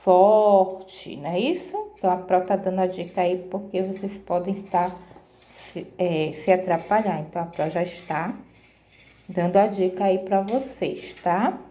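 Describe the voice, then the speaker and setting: A woman's voice: on the low side, steady tone, mellow, echoey room, muffled recording. A woman teaching a grammar lesson to pupils, sounding out words syllable by syllable and checking in often. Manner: slow, careful syllable-by-syllable explanations with frequent "certo?".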